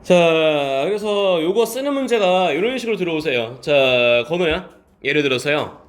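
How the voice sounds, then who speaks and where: Lively high-voiced male teacher quizzing students. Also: normal speed. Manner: calls on students by name and quizzes them, answering his own questions; polite teacher speech mixed with casual student talk. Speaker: science teacher. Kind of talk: classroom lecture with questions to students.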